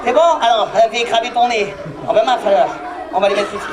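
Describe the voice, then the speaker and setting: A woman performing as a clown for children, playfully bossing her volunteer helpers and breaking into comic yelps and shouts. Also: a little high, fast talker, crowd noise. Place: large indoor hall with a live audience. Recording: live hall recording with loud audience noise.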